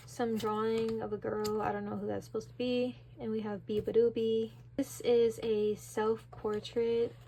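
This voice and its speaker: A young woman giving a casual, chatty tour of her sketchbooks, excitable and full of fillers. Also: a little high, slight background noise. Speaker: vlogger.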